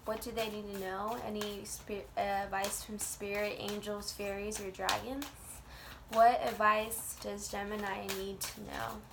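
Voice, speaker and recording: A woman's voice: medium pitch, little pitch movement, measured pace, vocal fry, noisy background. A woman reading tarot in an informal, chatty way, with blunt, colloquial phrasing and frequent swearing. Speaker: tarot reader.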